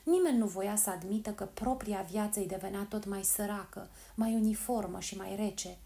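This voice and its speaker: A woman narrating a storybook in a calm, measured reading voice. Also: medium pitch, vocal fry. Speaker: audiobook narrator.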